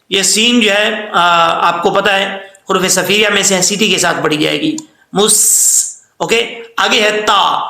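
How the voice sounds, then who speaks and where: A man teaching Quran recitation rules, patiently repeating words and drawing recited phrases out slowly. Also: high voice, bright, forceful tone, reverberant. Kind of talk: tajweed lesson with recitation.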